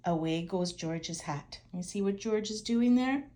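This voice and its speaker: An elderly woman with a grandmotherly storytelling style reads a picture book aloud. Her pitch is ordinary for a woman, and she speaks expressively, straight to small children, adding chatty little asides. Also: measured pace. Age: older. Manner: expressive, talking directly to young children.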